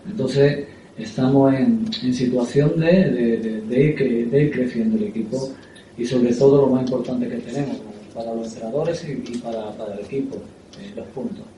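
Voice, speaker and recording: Halting football coach in an echoey room. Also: male voice, medium pitch, steady tone, dark tone, slight background noise. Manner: halting, repeats words and fills with "eh". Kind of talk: press conference answers. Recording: echoey room, distant mic.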